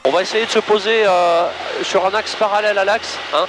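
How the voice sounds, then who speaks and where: Calm pilot-instructor man on cockpit headset. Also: sits high, a little fast, over music, low-quality recording. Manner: calm, encouraging, casual. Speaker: flight instructor. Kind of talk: in-flight coaching. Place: small aerobatic plane cockpit.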